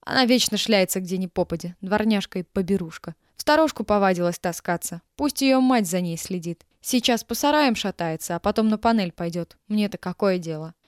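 A woman reader voicing a spiteful older woman teacher, shrill, scornful and defensive, shrieking her replies. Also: a little fast, few pauses, no room sound, clean studio sound, lightly acted.

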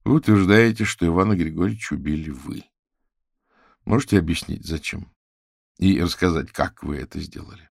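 A composed investigator lays out his reasoning in a measured, authoritative way, as a male narrator reads the part. The voice is very low with a gravelly edge, recorded dry and close. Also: no echo. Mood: questioning. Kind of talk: audiobook character reading.

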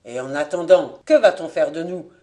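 A proud middle-aged French aviator protests his arrest, voiced by an audiobook reader. His voice sits a little lower and louder than the narration, firm and declaiming. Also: lively intonation, moderate pace, lightly acted. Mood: indignant. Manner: forceful, declaiming.

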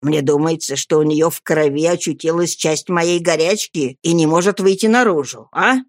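A gruff, bullying thief speaks in a rough, low voice, as a woman reads his part. He is blunt and menacing, heard close and dry in an audiobook. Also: moderate pace, no echo, close to an everyday voice. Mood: grumbling.

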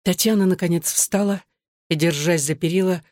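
An audiobook narrator reading a dramatic novel in a steady, measured way. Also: medium pitch, no echo, studio quality.

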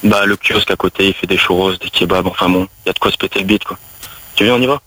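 A man's voice: sits low, fairly even intonation, sharp tone, no room sound, poor audio. A man playing along in a crude radio improv game, talking in a brash, swaggering way. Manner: brash, swaggering, rapid-fire.

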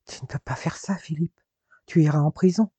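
A man's voice: on the high side, flat delivery, measured pace, breathy edge, no echo, dull audio. A man whispering as a dying young woman. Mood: pleading. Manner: faint hushed whisper.

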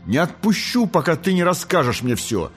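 A man reading an audiobook, voicing a fiery, rebellious young girl angel who shouts in anger. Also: fairly low pitch, lively intonation, normal speed, soft background music, lightly acted. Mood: furious. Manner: shouting in anger, then quiet remorse.

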